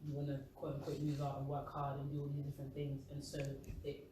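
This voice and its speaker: Fast-talking young London man, very echoey room. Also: mid-range voice, completely flat delivery. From East London, England. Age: young adult. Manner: rambling, discursive. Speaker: student speaker in a discussion. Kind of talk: casual spoken discussion. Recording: very echoey room, distant mic, noisy.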